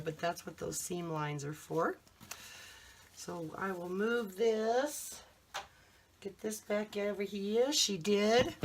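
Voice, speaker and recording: Slow-talking woman with a croaky voice. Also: medium pitch, slight background noise. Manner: chatty, hesitant, unhurried. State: throat trouble, slightly hoarse. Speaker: crafter presenting a handmade journal. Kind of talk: casual show-and-tell vlog.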